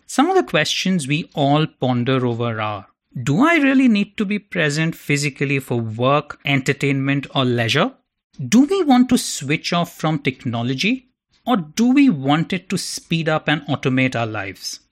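A podcast host reads his introduction in a theatrical, playful, self-mocking style, then moves on to interviewing his guests. His voice runs on the high side with wildly swooping pitch at a moderate pace.

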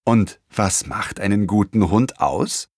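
A man voicing a clever, enthusiastic young boy in a storybook reading, with a keen, excitable delivery. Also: on the low side, slow pace, no echo, studio quality.

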